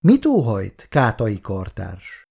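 An indignant office woman speaks coldly and snaps back in anger, as a male reader puts her on. The voice sits a little higher than his own, with a gravelly edge and lively rises. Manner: cold and furious. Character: indignant, cold female office worker.

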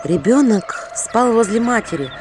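A woman narrating an audiobook story in an expressive, wry first-person manner. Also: fairly high pitch, unhurried, noisy background.

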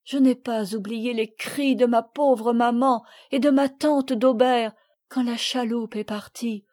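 A woman reading the part of a little girl who sadly recounts a shipwreck, in a gentle, measured voice. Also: fairly high pitch, steady tone. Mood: sad, earnest. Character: little girl recalling a shipwreck, sad and earnest. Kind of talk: audiobook reading.

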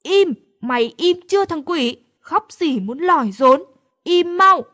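A woman voicing a hot-tempered, clumsy teenage boy in an audiobook story, bossy and shouting. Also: high voice, expressive, measured pace, dry recording, clean studio sound. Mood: yelling, pained. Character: brash clumsy teenage boy, loud and impatient. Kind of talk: audiobook character voice.

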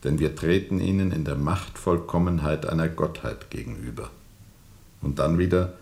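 An actor playing a haunted sea captain in a radio drama, brooding and intense, moving between whispers and forceful declamation. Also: male voice, a bass voice, fairly even intonation, normal speed, creaky. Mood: grim, bitter. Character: haunted, feverishly intense sea captain recounting a jungle ordeal. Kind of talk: German radio drama monologue.

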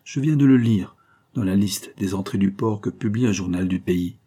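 Scheming ruthless villainess, as a male reader puts her on, commanding, gloating, dark husky tone. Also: on the low side, moderate pace. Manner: commanding, triumphant, hissing asides. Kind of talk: audiobook character reading.

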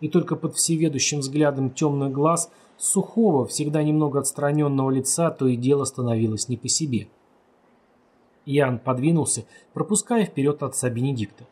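A man reading a story aloud as narrator, steady and measured, lightly voicing the characters' lines. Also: fairly high pitch, husky. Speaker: audiobook narrator. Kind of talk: scripted narration.

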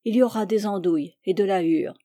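A woman reading aloud, voicing a rough peasant father who speaks thickly after drinking. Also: medium pitch, brisk, dark tone, close to an everyday voice. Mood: gruff. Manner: grumbling, thick-tongued.

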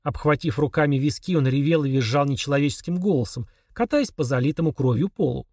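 A man reading a horror novel aloud as narrator, in a slow, dramatic manner with quiet pauses. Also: on the high side, no room sound, clean studio sound. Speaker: audiobook narrator.

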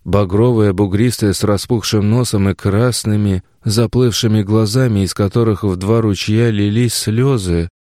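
Deep-voiced male audiobook narrator. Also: steady tone, moderate pace, hardly any pauses, warm tone, dry recording, studio quality. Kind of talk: scripted narration.

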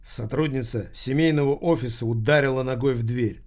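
A man narrating a crime novel audiobook in a steady, measured reading voice. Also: mid-range voice.

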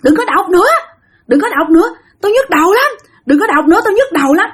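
Woman doing a possessed man, Southern Vietnamese accent, shrill, raw and husky, storytelling voice. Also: sing-song, brisk, fairly bright tone. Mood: raging. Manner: shrieking, cursing, pleading. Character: possessed father, a young girl's spirit raging then sobbing.

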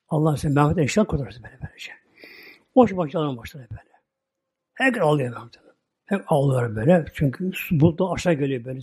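Turkish male preacher telling a sacred story; quick, slightly raised pitch, husky. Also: dark tone. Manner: retells a story with constant repetition of filler words. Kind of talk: religious storytelling talk.

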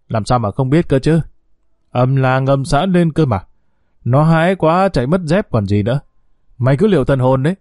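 A man's voice: medium pitch, no room sound, clean studio sound, natural voice. A man voicing an angry older brother berating his sister. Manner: harsh, shouting down.

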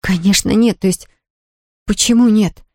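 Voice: mid-range voice, fairly even intonation, normal speed, no echo, clean studio sound, close to an everyday voice. A reader voicing a distraught young woman who pleads through tears. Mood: pleading. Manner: pleading, tearful outbursts.

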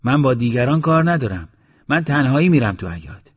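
A weary village musician shouts his replies in a raised voice, as a male narrator acts him out. The recording sounds dull and lo-fi. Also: medium pitch, sing-song, husky, long reverb tail, pitched above the performer's own voice. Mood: calling out. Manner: loud, exclaiming.

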